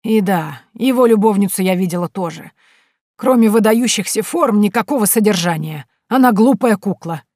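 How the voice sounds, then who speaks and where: A woman reading an audiobook voices a sharp-tongued, domineering old mother-in-law who scolds slowly and cuttingly. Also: mid-range voice, expressive, dry recording, clean studio sound, voice pushed up. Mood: scornful.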